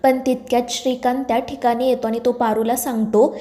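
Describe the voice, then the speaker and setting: Woman reading out a soap episode recap, high voice, soft and dark tone, steady pace. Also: fairly quick. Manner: steady read-aloud storytelling. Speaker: serial recap narrator. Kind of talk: scripted narration.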